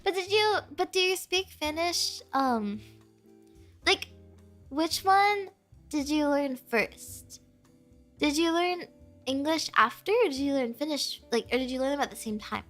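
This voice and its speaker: A young streamer whose first language is Spanish reads her chat in a high, bright voice with a breezy American Valley girl accent. She's bubbly and giggly, unhurried, with lively intonation and a heavy reliance on "like," while soft music plays faintly behind her.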